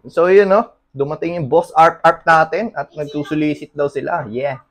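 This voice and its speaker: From his computer shop, a Filipino vlogger chats casually with his viewers in a somewhat high, steady, slightly bright voice at a moderate pace. He's laid-back, laughs frequently, and sounds a touch out of breath.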